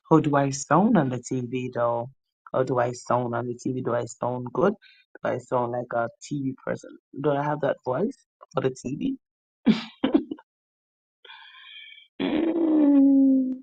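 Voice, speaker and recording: Chatty woman with a gravelly voice. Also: low voice, a little mellow, no echo, muffled recording. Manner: chatty, teasing, laughs often. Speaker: livestream host. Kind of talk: casual live-stream chat.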